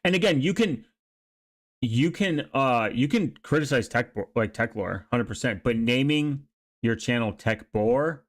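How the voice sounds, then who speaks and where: A man with a mid-pitched voice rambles through casual commentary. He is halting, often abandoning a thought and starting it again. The sound is dry, with no room echo. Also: expressive. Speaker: streamer reacting to online videos and channels.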